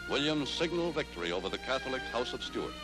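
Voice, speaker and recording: A man's voice: medium pitch, sing-song, quick pace, over music. A man giving formal, declamatory documentary narration on an old newsreel soundtrack. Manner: formal, declamatory announcer delivery.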